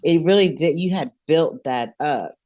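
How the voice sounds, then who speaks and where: A woman's voice: deep voice, animated, moderate pace, a little mellow, low-quality recording. A woman hosts a podcast conversation in a reflective, encouraging tone. She thinks aloud in long, flowing sentences. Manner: reflective, encouraging, talks in long run-on thoughts. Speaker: podcast host. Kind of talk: conversational interview.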